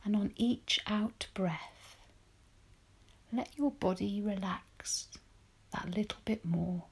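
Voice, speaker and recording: A woman leading a guided relaxation meditation in a soft, breathy spa-like whisper, soothing and gentle, with long pauses. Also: medium pitch.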